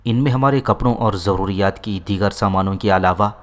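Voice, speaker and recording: A man with a low voice reading the lines of a young warrior son speaking respectfully to his mother. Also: natural voice.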